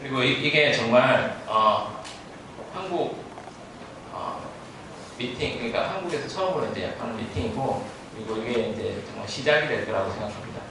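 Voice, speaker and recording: Male lecture interpreter, halting, English terms mixed in, heard from afar in a heavily reverberant room with faint noise. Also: mid-range voice, gravelly. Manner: halting, mixes English terms into Korean, restarts phrases. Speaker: interpreter and medical researcher. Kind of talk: consecutive interpreting at a medical lecture. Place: large echoing room at a talk. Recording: very echoey room, distant mic, faint noise.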